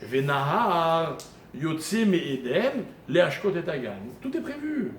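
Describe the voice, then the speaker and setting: Male rabbi giving a live lesson, slightly high-pitched, quizzing listeners; roomy echo. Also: very animated, slow. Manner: questioning listeners, explaining Hebrew grammar step by step. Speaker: rabbi teaching a Torah class. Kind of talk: live Torah lesson to a small audience. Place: room with a small live audience. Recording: echoey room recording with faint noise.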